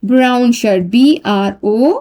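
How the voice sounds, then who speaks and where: A woman's voice: on the high side, takes it slowly, mellow. A woman teacher explaining an English workbook exercise, spelling each word letter by letter and translating it. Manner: spells words letter by letter, then repeats and translates them.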